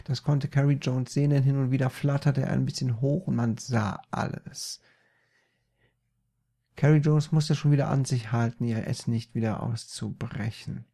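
A man narrating a comic story in a deadpan, unhurried way, often correcting himself mid-word. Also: mid-range voice, vocal fry.

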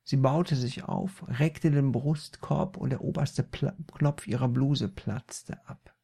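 A man tells a comic story in a slow, deadpan manner, stumbling over words and correcting himself as he goes. His voice has a rough, gravelly texture, and he never hurries. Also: mid-range voice. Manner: deadpan, unhurried, with slips and self-corrections.

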